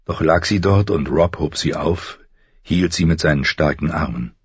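A man narrating an audiobook in a measured, even storytelling manner. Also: a bass voice, husky, dry recording, muffled recording.

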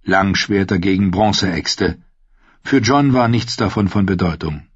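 A man reading a story aloud as an audiobook narrator, in a steady, even storytelling manner with a husky voice. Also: low voice, unhurried, no room sound, lo-fi sound.

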